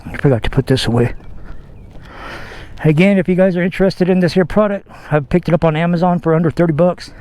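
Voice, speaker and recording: Out of breath, a man vlogs casually about his scooter outdoors, rambling in a folksy way full of fillers and self-corrections. His voice is on the high side, fast and mellow, with slight background noise.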